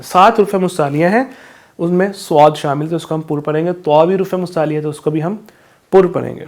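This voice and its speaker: A man's voice: a little high, darkish tone. Pakistani man teaching recitation rules. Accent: Pakistani Urdu. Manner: explains rules, then recites verses in slow drawn-out chant. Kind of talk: classroom lesson on Quran recitation.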